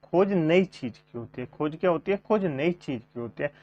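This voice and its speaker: A man's voice: on the high side, lively intonation, moderate pace. A man teaching a grammar coaching class, asking questions and repeating the answers to his viewers. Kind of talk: online coaching class lesson. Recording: dull lo-fi sound.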